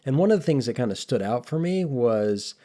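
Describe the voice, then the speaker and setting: A man's voice: medium pitch, expressive, brisk, warm tone. A man co-hosting a podcast, talking casually and thoughtfully, rambling with frequent restarts. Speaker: podcast co-host.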